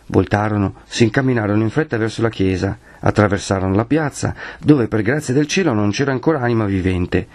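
A man from Italy reading a classic novel aloud as an expressive audiobook narrator. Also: on the low side, brisk, hardly any pauses. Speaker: audiobook reader.

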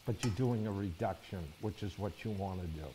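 A man's voice: fairly low pitch, a little fast, noisy background. A middle-aged man, a chef, giving a cooking demonstration in a studio kitchen and explaining each step, often checking in with "okay?" and "all right?". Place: studio kitchen set, indoors.

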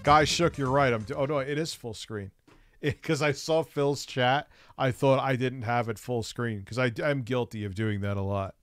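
A man's voice: medium pitch, moderate pace, fairly bright tone. A man streaming, giving casual, profane and mocking commentary while reacting to clips, often laughing.

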